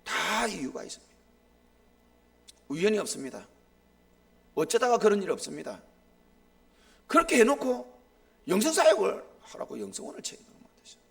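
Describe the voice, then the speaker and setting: A middle-aged man preaching a live sermon as a pastor, impassioned, swinging sharply between loud and hushed. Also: high-pitched, very animated, normal speed, vocal fry, long pauses.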